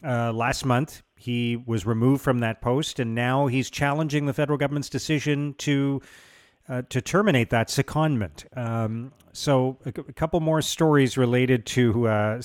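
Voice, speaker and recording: Male radio host, middle-pitched, measured studio delivery, some filler words, dry sound. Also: fairly even intonation, no echo. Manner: measured, with frequent ums and uhs. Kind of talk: morning radio interview.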